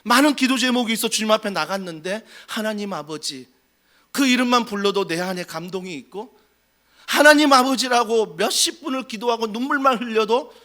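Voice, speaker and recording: Pastor guy giving a sermon in church, super high voice, keeps asking the crowd questions. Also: expressive, a little fast, bright, forceful tone. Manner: fervent preaching full of rhetorical questions. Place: church sanctuary.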